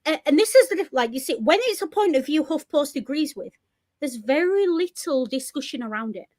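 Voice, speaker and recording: A woman's voice: high-pitched, lively intonation, brisk, darkish tone, no room sound, clean studio sound. A woman co-hosting a podcast, giving blunt, opinionated commentary in casual chat. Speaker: podcast co-host.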